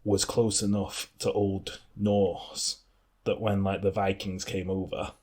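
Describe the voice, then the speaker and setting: A man chatting as a podcast co-host, his voice a little husky and sitting on the low side. He rambles through guesses and asides in a relaxed, joking way. His talk is loose and full of laughter. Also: takes it slowly. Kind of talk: casual chat.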